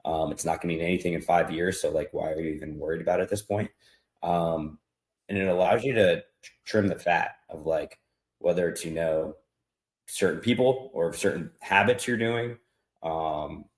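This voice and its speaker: A man speaking as a podcast guest in a relaxed, reflective casual chat, pausing often with fillers. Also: low-pitched, roomy sound.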